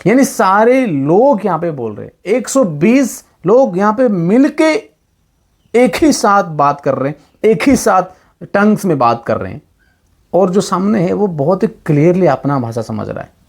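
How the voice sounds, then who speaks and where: Emphatic man with a lively voice. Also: high-pitched, unhurried. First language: Odia. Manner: emphatic, rhetorical questions, mixes English phrases. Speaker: Bible teacher. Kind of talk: argumentative Bible talk.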